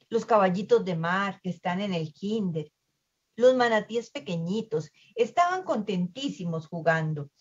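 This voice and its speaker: A woman voicing a calm female dolphin teacher who explains in a measured way. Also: mid-range voice, lo-fi sound.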